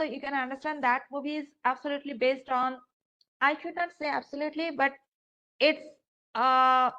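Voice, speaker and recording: A university lecturer, a woman with a high-pitched voice and an Indian English accent, talks to her class in a relaxed, conversational style. She speaks directly to the students before her and fills pauses with "uh" and "you know." The audio is dull, lo-fi and slightly bright, like a room mic in a classroom.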